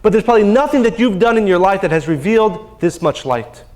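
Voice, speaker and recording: A man's voice: sits high, expressive, quick pace, darkish tone. A man voicing an old Kabbalist sage in a retold story, solemn and reassuring.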